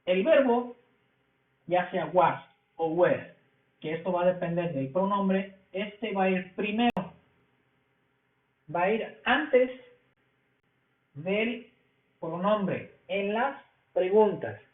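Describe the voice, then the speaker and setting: A man with a Mexican Spanish accent teaching an English grammar lesson, explaining slowly and repeating each point. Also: sits high, animated. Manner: slow, repetitive explaining. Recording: echoey, phone-like lo-fi sound.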